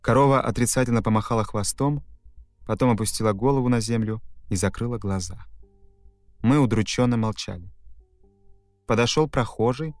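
A man, a stage actor, reading a novel aloud as a calm, measured audiobook narration. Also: mid-range voice, no echo, faint music behind.

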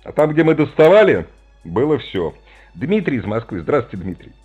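A man's voice: mid-range voice, very animated, moderate pace, darkish tone, slightly rough, muffled recording, faint music behind. A man in his fifties hosting a call-in radio show, chatty and jokey as he reminisces with callers. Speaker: radio host.

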